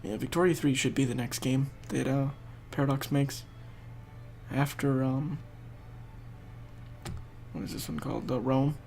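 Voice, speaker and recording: With soft music behind him, a congested young gaming host whose voice is fading thinks aloud about a strategy game as he plays and explains it. His mid-range, darkish voice has vocal fry and fairly even intonation, and he speaks a little slowly with long pauses.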